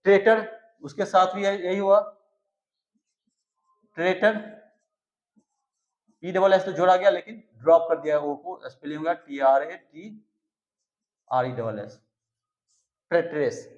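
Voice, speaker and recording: A man's voice: high-pitched, fairly even intonation. Hindi-speaking man teaching English grammar. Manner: repeats words slowly to show pronunciation. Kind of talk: explanatory lesson. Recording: echoey, slightly dull recording.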